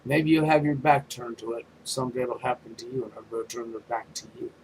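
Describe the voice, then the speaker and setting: A man's voice: mid-range voice, little pitch movement, quick pace, slight background noise, rough recording. A man giving a sarcastic ranting commentary, full of rhetorical questions and repetition. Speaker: video commentator.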